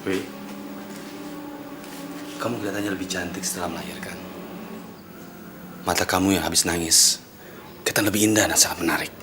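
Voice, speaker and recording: An actor playing a sleazy male captor who talks slowly and leeringly in a low voice. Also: fairly even intonation, background noise, lightly acted.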